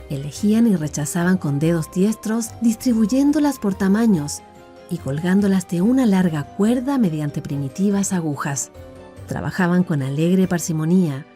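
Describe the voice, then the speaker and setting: Mellow Latin American Spanish woman narrating. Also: on the low side. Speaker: audiobook narrator. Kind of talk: audiobook narration.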